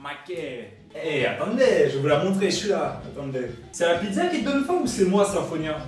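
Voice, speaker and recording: Young male streamer, high and animated, jokey live-cooking chatter, off-mic at times, faint music bed. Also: brisk. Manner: excitable, jokey, reads chat aloud. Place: home kitchen.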